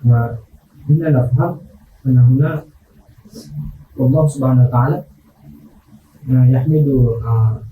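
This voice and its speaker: Distant student, thin phone-like sound. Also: male voice, mid-range voice, a little slow, long pauses. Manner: hesitant questioning with many fillers. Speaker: student asking a question. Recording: distant, phone-like and echoey with faint noise.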